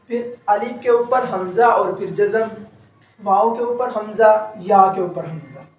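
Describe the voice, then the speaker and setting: A male recitation teacher talks slowly through a tajweed lesson, repeating and stretching each sound so it can be copied. His voice sits mid-range and carries the echo of a reverberant room. A faint noise runs under it. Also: high-pitched. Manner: explains step by step, repeating and drawing out sounds for demonstration.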